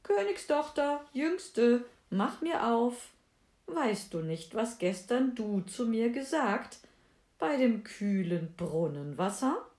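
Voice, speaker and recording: Coaxing male frog from a storybook, as a woman reads him, insistent, calls out high, pitch swooping, slow and deliberate, roomy echo around the voice. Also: very animated, a little mellow. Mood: calling. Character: pleading talking frog, male, lowly. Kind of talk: fairy tale reading.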